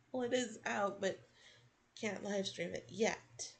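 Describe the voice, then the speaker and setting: A woman's voice: mid-range voice, takes it slowly, gravelly, slightly rough, low-quality recording. A woman streamer reading a story game aloud with dramatic flair, breaking off for casual asides. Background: game music.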